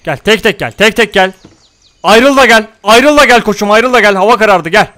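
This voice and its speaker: A man giving casual let's-play commentary, excitable, talking to his viewers and cursing at the game. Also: high-pitched, moderate pace. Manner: excitable, talks to viewers, mutters and curses at the game. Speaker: gaming YouTuber.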